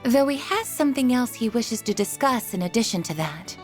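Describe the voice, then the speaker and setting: A woman's voice: a little high, animated, fairly quick, soft background music, natural voice. A woman voicing a polite, courteous female robot maid in a video game, speaking in a formal, composed manner. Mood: explaining.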